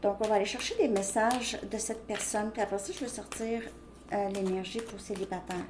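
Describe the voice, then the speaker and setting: A woman's voice: mid-range voice, fairly even intonation, fairly quick. Woman, tarot reader, chatty and loose, roomy echo with faint hiss. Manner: chatty, thinking aloud with many fillers and "ok?". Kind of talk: casual tarot card reading to viewers. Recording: echoey room, faint background noise.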